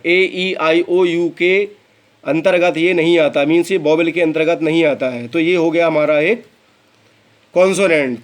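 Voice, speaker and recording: Male english tutor, kinda high voice, talks real slow, spells stuff out for students. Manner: slow, spells words out letter by letter; addresses students as beta. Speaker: English teacher. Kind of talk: classroom lesson.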